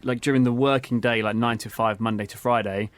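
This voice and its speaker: A man's voice: medium pitch, steady tone, a little fast. A man co-hosting a travel podcast, telling stories in an easygoing way with lots of fillers. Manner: easygoing storytelling with frequent fillers. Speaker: podcast co-host. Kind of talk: casual travel chat.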